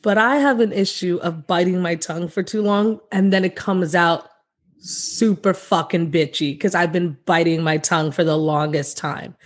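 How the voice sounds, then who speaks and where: A woman's voice: on the low side, normal speed. A young woman co-hosting a podcast, talking bluntly and swearing freely in casual chat. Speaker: podcast co-host.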